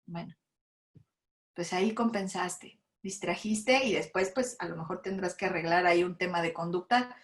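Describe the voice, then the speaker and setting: A woman's voice: fairly low pitch, moderate pace. A woman with a Mexican accent giving a lecture to parents. She often adds tag questions and acts out what parents and children say. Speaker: speaker at a school talk on emotions.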